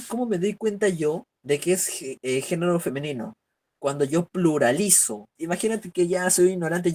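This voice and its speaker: A man with a somewhat high, slightly mellow voice teaches an online grammar class over a video call's computer mic. In this virtual lecture he works through examples and poses rhetorical questions.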